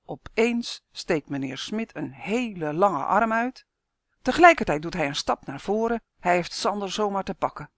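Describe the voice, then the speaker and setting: A woman author reading her own children's story aloud in a clear, expressive storytelling manner. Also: mid-range voice, normal speed, dry recording, clean studio sound.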